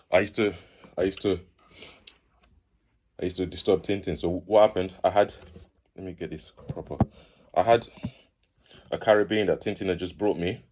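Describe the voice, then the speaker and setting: Young man, very low voice, chatty animated storyteller doing the other voices. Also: slight background noise. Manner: animated, acts out quoted people in raised voices. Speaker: fitness channel host. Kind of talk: casual storytelling.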